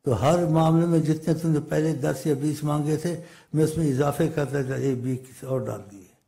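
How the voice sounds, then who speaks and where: A man's voice: on the high side, steady tone, creaky, warm tone. A man with a Pakistani Urdu accent giving a sermon, telling a story and acting out the voices in it. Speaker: religious teacher.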